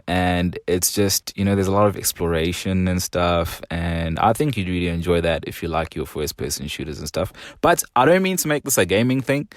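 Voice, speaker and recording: A young man from South Africa hosts a casual podcast. His voice is very deep, and the sound is dry and close. He talks in a loose, friendly way, with plenty of ums and likes. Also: no echo. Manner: loose and friendly, frequent fillers. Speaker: podcast host. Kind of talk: casual chat.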